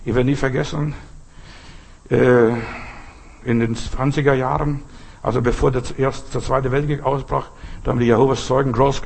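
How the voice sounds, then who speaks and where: A man's voice: medium pitch, level tone, moderate pace, gravelly, pauses often, a little mellow, slight background noise. An older man, a pastor, preaching an earnest sermon and telling stories with acted-out quotes.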